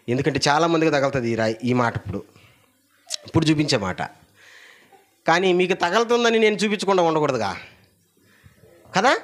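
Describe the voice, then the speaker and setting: A male pastor preaching a sermon at a church service, urging the congregation to repeat verses aloud and swinging between loud emphatic lines and low asides.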